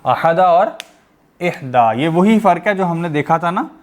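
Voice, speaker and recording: Guy teaching an online class, kinda high voice, keeps asking questions then answering himself, on a call mic. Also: animated, measured pace. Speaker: Arabic grammar teacher.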